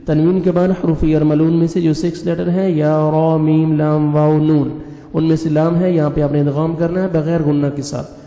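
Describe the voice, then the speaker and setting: Man, Quran teacher, slow spelled-out recitation, slightly high, very dark voice, long echo. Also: level tone. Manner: spells letters and vowel marks one by one, then chants the word slowly. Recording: echoey room with long reverb.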